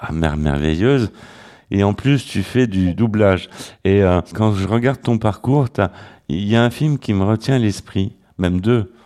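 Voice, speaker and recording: Deep low guy hosting a talk show, lots of euhs, kinda halting. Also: dark tone. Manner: hesitant, many fillers. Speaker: show host. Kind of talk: interview hosting.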